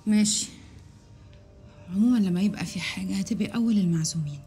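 A woman's voice: mid-range voice, quick pace, warm tone, soft background music, natural voice. A woman playing a mocking, proud Egyptian woman.

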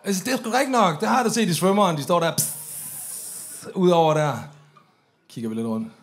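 A man's voice: high-pitched, expressive. A man performing a stand-up story on stage, swearing freely and acting out the drunk voices of the people in it. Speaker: comedian telling a story on stage.

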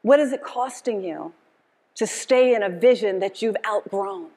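A middle-aged woman with a mid-range, mellow voice delivers a motivational keynote from a conference stage indoors before an audience, speaking a little slowly with a long reverb tail. She is passionate and emphatic, repeating phrases like a preacher and using call and response.

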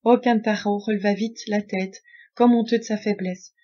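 Woman reading an audiobook, even tone. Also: medium pitch, dull audio. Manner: measured, even storytelling. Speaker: audiobook reader. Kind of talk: audiobook narration.

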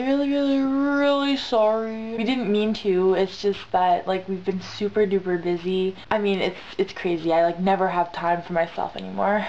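A young woman vlogger, congested and stuffed-up from being sick, rambles to camera in a casual, slangy way, repeating things for emphasis. Her voice is medium-pitched with a darkish tone. She sits on a bed in a small bedroom, recorded by the built-in camera mic at arm's length, so the sound is dull, lo-fi and lightly noisy.

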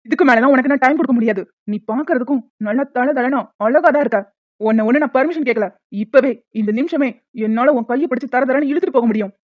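A woman's voice: high-pitched, fast, no echo. A woman voicing a menacing, crude male loan shark in a cartoon, talking in a bullying, threatening way. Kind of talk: cartoon voice dubbing. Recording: tinny phone-like, dry.

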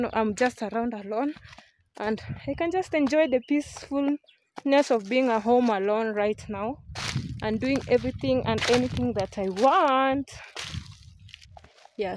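A young woman chats casually, pitched a little high, as she strolls about a farm. She records on a phone held at arm's length in the open air. Faint noise sits under her voice. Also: darkish tone. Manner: chatty, walks while showing the farm. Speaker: village life vlogger. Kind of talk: casual vlog narration. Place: outdoors on a rural farm. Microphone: phone camera held at arm's length.

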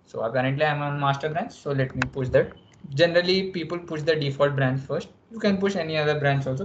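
A young man with an Indian accent giving a casual, halting screen-share tutorial, thinking aloud as he goes. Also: mid-range voice, a bit bright, slight background noise. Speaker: workshop presenter. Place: online video call, screen share. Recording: dull lo-fi call audio, typing clicks.

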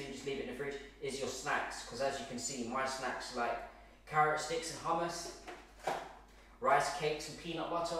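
A fitness coach gives tips straight to camera in a large, bare home kitchen, his voice on the high side and emphatic. He repeats his points and keeps asking "okay." The sound comes from a far-off camera with no visible mic, so the room is very echoey.

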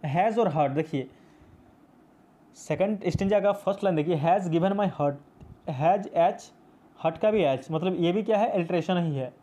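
A man's voice: high-pitched, normal speed, warm tone. A male teacher explaining a poem in a class video, patient and repetitive, mixing English terms into his speech. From India.

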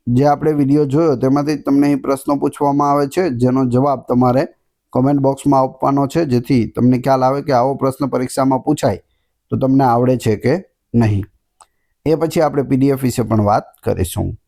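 Man, exam-prep teacher, question-then-answer delivery, warm dark tone. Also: mid-range voice. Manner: reads each question, then gives the answer.

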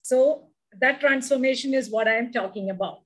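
Woman, South Indian accent, native Malayalam, higher pitch, unhurried expressive poetry reading, video call. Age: middle-aged. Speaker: poet reading own work. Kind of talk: poetry reading with explanatory introduction. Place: indoor room at home, video call. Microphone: video call microphone.

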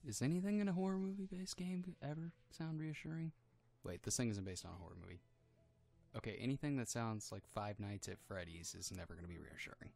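A man's voice: medium pitch, lively intonation, brisk, vocal fry, a little mellow. A man co-commentating on a game with wry, sardonic casual banter. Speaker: co-commentator on a let's play. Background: game music.

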